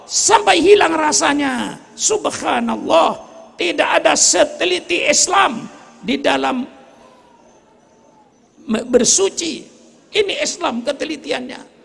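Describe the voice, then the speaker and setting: High, gravelly elderly male preacher. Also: animated, a little slow. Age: 80s. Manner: joking, rising to shouts. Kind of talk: religious sermon. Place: gathering before a crowd.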